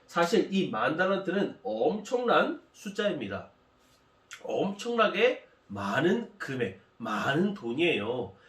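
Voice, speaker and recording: A pastor telling a parable to children in an animated, explanatory storytelling manner. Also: male voice, on the high side, measured pace. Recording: echoey room from far off.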